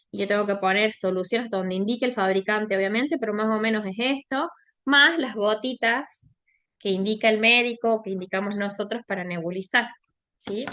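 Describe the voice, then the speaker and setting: A woman lecturer with a fairly high voice explains her subject in a conversational, unhurried way. She keeps checking in with her class as she teaches. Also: bright, forceful tone. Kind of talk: online lecture.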